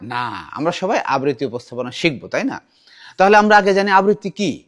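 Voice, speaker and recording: A middle-aged man teaching a children's recitation class, animated and asking the class many questions. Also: on the high side, a little fast.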